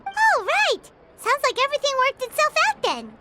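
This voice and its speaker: A woman voicing a tiny chirpy floating companion in a video game, bubbly and quick to tease. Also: extremely high pitch, big pitch swings, full character voice. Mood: cheerful. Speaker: travel companion. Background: game music.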